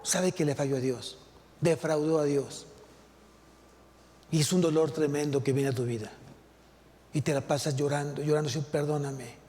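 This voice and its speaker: A man's voice: a little high, fairly even intonation, moderate pace, pauses often, dark tone. A male pastor with a Mexican Spanish accent preaching a sermon, asking rhetorical questions and repeating key phrases. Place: large church hall. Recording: long hall reverb.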